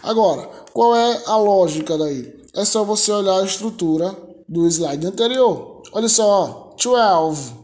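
A man's voice: high-pitched, animated, measured pace, a little mellow. A man teaching an online English lesson, patiently drilling numbers by repetition and often checking in with tag questions.

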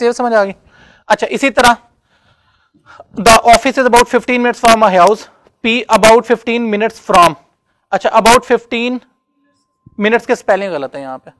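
A man's voice: high voice, a bit bright, no room sound. Male lecturer, chatty. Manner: conversational, checks understanding often. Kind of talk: classroom lecture.

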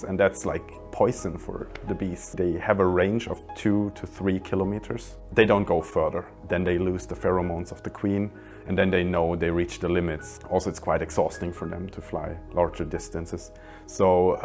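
A man in his twenties, an industrial designer, calmly explaining his project in a documentary interview with a few restarts. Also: low voice. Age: 20s. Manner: calm, explanatory, some restarts. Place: indoor hallway by large windows.

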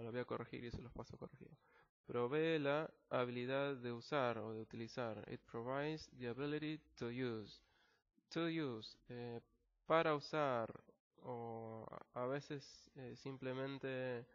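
A Latin American man teaching an English lesson over slides, explaining slowly, repeating words and restarting phrases. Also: mid-range voice. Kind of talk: recorded online lesson. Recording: dull lo-fi recording.

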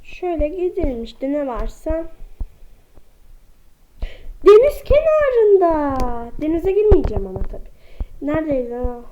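A woman with a high, mellow voice chats her way through a gameplay session, talking to her viewers like friends and sounding a bit under the weather. The recording is dull and lo-fi, with a faint hiss behind her. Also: very animated, measured pace, pauses often. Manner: chatty, talks to viewers as friends, exclaims at animals. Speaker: gaming vlogger. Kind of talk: casual gameplay commentary.

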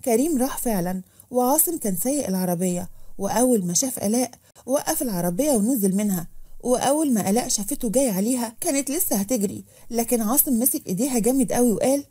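A woman with an Egyptian Arabic accent narrating a romance story in a brisk, even storytelling manner. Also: fairly high pitch, slightly rough.

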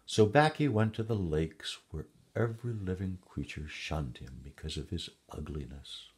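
Brief: male storybook reader, deep and husky, slow and measured. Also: expressive, a little mellow. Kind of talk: storybook reading.

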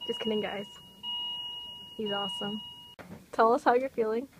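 High-pitched young woman vlogger, noisy recording. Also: steady tone, moderate pace. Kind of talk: casual chat to camera. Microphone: handheld camera. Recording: noisy handheld vlog audio.

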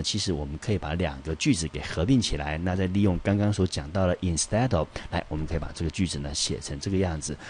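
A man with a Taiwanese Mandarin accent teaching an English vocabulary lesson, patiently slowing down to read example sentences. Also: low-pitched, a little mellow, slight background noise.

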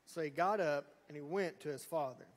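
Guy preaching, kinda high voice, long echo in a big church hall, folksy storytelling. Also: fairly quick. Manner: folksy storytelling with acted quotes. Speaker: pastor. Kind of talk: sermon.

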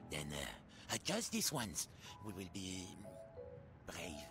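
Game role: a bossy gravelly hermit crab, slow, swooping, fussy. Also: male voice, low voice, huge pitch swings, over loud music, exaggerated voice. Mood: blustering. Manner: rude, pompous, fussy. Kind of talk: video game voice acting.

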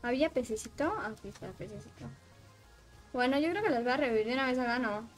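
A woman streaming a game, chatting casually with her viewers and getting excitable as she plays. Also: fairly high pitch, fast, faint music behind. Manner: excitable, shrieks and laughs while playing, chats with viewers. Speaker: livestreaming gamer. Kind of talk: casual gaming livestream chat.

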